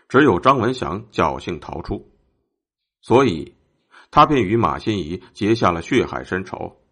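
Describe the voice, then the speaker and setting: A man's voice: on the low side, a bit bright. A man narrating a historical story in a scripted storytelling style.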